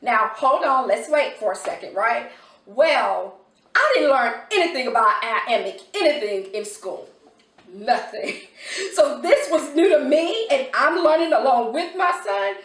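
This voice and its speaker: A woman reviewing a homeschool curriculum in a casual vlog, talking with excited enthusiasm. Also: high voice, measured pace, roomy sound, far from the mic.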